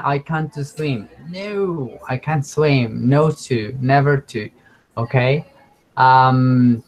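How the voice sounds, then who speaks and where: A man's voice: medium pitch, a little hiss or hum, low-quality recording. Man teaching English online. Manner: frequent check words like okay; switches between English and Spanish. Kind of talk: informal online lesson, explaining grammar. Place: online class with screen share.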